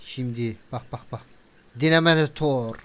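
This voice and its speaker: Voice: medium pitch, measured pace, a bit bright. A game video creator giving casual let's-play commentary in a playful way, chatting to viewers and scolding the game characters.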